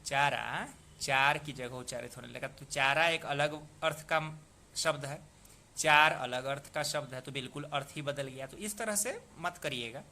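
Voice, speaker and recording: Bright-voiced man patiently teaching poetic meter. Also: mid-range voice, creaky. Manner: patient, repeats and sounds out words slowly. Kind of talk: explanatory lesson.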